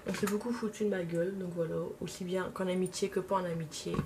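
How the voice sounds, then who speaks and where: A woman's voice: lowish voice, fairly even intonation, fast, darkish tone, a little hiss or hum. A young woman with a slight lisp, chatting casually and hesitantly while doing her makeup for a vlog. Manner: hesitant, many fillers. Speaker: makeup vlogger.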